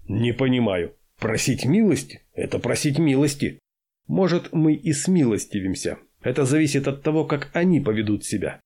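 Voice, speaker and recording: A man voicing a bossy, blustering male starship tactician who barks orders loudly. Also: mid-range voice, animated, normal speed. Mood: commanding. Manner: barks orders, loud and self-assured.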